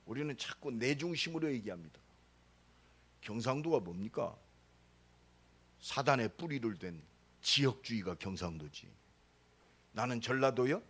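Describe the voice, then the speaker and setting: A man's voice: mid-range voice, lively intonation, normal speed, long pauses, breathy edge. Man in his sixties preaching emphatically. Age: 60s. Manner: emphatic preaching with sudden loud rises; conversational storytelling asides. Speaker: pastor. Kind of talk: sermon.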